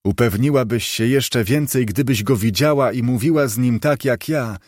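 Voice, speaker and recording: A man reading as Bob Cratchit, a gentle grieving father. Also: medium pitch, normal speed, no echo, clean studio sound, natural voice. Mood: tender.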